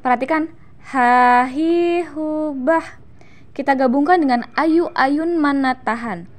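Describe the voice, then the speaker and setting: A young Indonesian woman explaining Quran recitation letter by letter and sounding out syllables slowly and drawn out as examples. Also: high voice. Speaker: student presenting a Quran recitation lesson. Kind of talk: instructional explanation with slow demonstrations.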